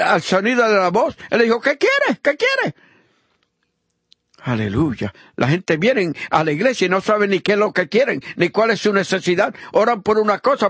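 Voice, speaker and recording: Husky, fervent male preacher. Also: dry recording. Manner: swings from loud high exhortation to low murmured praise, acts out voices. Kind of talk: impassioned sermon.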